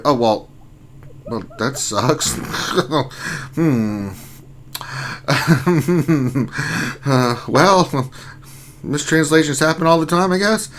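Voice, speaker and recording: Bright-voiced man hosting a gaming stream. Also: on the high side. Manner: reads chat names aloud, joking and teasing. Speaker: livestream host. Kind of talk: casual livestream chat.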